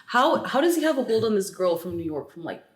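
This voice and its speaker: A woman co-hosting a podcast, telling stories in casual, animated chat with lots of filler words. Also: medium pitch, quick pace. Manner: chatty, animated storytelling with many "like" fillers. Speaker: podcast co-host. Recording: roomy echo.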